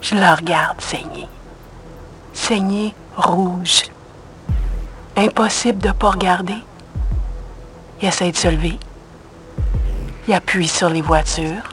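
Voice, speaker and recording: A woman's voice: on the low side, fairly bright tone. An actress with a Québécois French accent voicing a hunted woman who narrates her escape in short, clipped first-person lines. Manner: terse, tense, clipped fragments. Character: hunted young woman, tense then coldly calm. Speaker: narrator-protagonist of an audio drama. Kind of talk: intimate first-person radio drama narration. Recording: clear music under the voice. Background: music score.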